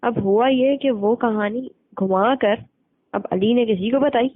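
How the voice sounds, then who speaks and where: In an unhurried, high-ish voice with no echo, a young woman on a narrow, dry phone line casually recounts gossip from her school days. She speaks bluntly and colloquially and quotes people as she retells events.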